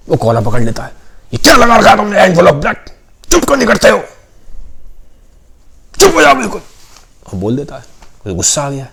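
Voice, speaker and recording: A man's voice: mid-range voice, warm tone. A man, casually retelling a story and switching between Hindi and English. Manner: conversational, mixes Hindi with English phrases, acts out quoted lines.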